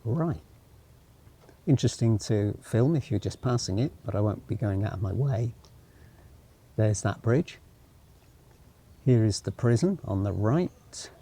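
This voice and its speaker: A man with a low-leaning, expressive, warm voice and a breathy edge speaks at a measured pace with long pauses. As a travel vlogger walking outdoors in a former military town, he gives unscripted musings with wry asides, at times reading signs aloud.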